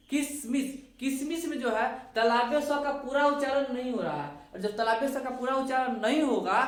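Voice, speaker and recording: Woman teacher, patient, drills spelling letter by letter; slightly high voice, very slow, echoing room recording. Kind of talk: classroom lesson, spelling out words. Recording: echoey room, voice from a distance.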